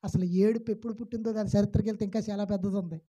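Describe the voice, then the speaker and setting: A woman preaching a sermon in church, moving between loud fervent calls and quiet asides and putting questions to the congregation. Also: medium pitch, steady tone, rapid-fire, husky. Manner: asks the congregation rhetorical questions.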